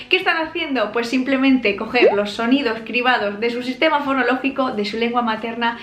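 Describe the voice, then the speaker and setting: A woman with an accent from Spain, explaining a language lesson clearly and patiently, with examples. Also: a little high, a little fast, roomy sound, background noise. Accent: Spain Spanish. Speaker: language teacher.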